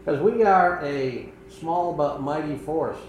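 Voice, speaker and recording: An older man preaching a sermon as pastor of a small church, earnest and conversational with pauses. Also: fairly high pitch. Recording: echoey room with faint background noise.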